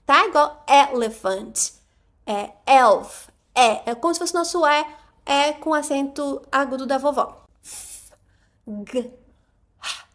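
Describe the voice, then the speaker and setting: A woman with a Brazilian Portuguese accent teaching an online lesson, sounding out letters slowly and repeating them for the listener. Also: sits high, a bit bright. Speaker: English teacher trainer.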